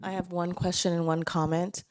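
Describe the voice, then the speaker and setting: A woman in her forties speaks with a low voice during a school board meeting. She is chatty and fills her remarks with "um" and asides. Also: level tone, moderate pace, darkish tone. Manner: chatty, many fillers and asides. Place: district board meeting room.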